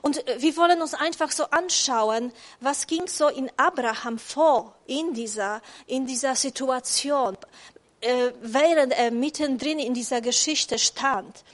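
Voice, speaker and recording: A woman with a high, light voice preaching to a congregation. She speaks as a guest preacher who was not born in Germany. Her delivery is chatty and conversational, with frequent checks like "ja?" and many restarts. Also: a little slow. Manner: conversational, asks the audience "ja?" often. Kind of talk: sermon.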